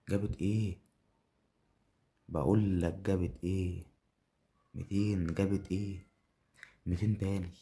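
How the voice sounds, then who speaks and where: Deep gravelly Egyptian man hyping bets. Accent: Egyptian Arabic. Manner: hyped, repetitive commentary with sudden excited bursts. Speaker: betting channel host. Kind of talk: gambling live commentary.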